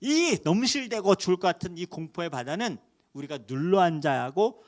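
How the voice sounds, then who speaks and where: Male pastor, sermon delivery, lively swings in pitch, fairly high voice, dramatic rises. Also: fairly quick. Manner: animated preaching with rhetorical questions and sudden loud rises. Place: church sanctuary.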